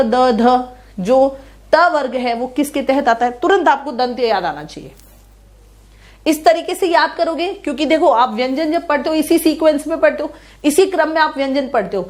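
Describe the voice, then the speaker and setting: A young woman teaching an online class in a high, clear voice. She says each sound slowly, one at a time, and keeps asking her students whether it makes sense. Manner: explains patiently, checks understanding with repeated questions. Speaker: online tutor. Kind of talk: classroom grammar lesson.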